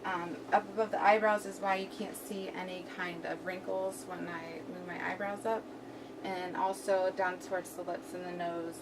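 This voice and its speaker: A woman's voice: fairly low pitch, little pitch movement, normal speed. Numb-mouthed woman presenting, distant noisy recording. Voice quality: slightly numb-mouthed speech from half-paralyzed face. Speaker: student giving a class presentation. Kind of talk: prepared classroom presentation. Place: room, presenting to a class. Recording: distant mic, clearly noisy room recording.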